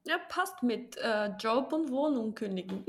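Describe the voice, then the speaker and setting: A woman's voice: fairly high pitch, expressive, measured pace. A woman interviewing a guest in a casual podcast, asking curious, friendly questions with hesitant fillers.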